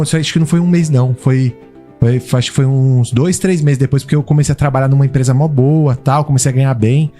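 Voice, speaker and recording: A man's voice: mid-range voice, warm tone. A man with a Brazilian Portuguese accent, a podcast host sharing a testimony and fervently urging listeners toward faith, with frequent hallelujahs. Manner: fervent, evangelistic, punctuated with hallelujahs. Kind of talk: testimony and preaching exhortation.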